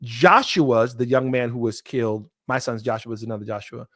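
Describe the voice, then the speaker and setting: A middle-aged man hosting a live commentary show, talking off the cuff in an impassioned way that turns halting and apologetic. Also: mid-range voice, a bit bright, no room sound, clean studio sound. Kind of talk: unscripted live commentary monologue.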